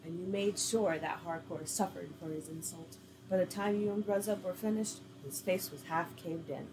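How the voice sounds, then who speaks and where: A woman's voice: lowish voice, normal speed, background noise. A woman reading an interactive story game aloud, with casual, laughing asides.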